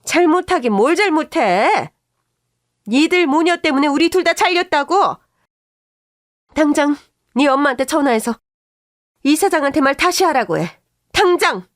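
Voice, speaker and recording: A woman voicing a furious, domineering older mother-in-law who yells and accuses in a high, loud voice. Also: lively intonation, a little slow, no echo, studio quality. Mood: shouting, accusing. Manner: yelling, accusing.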